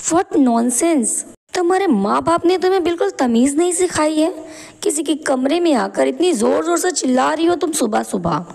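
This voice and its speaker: A woman voicing an arrogant young bride in an animated story, who speaks with contempt and insults. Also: sits high, measured pace. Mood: contemptuous. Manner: snooty, contemptuous.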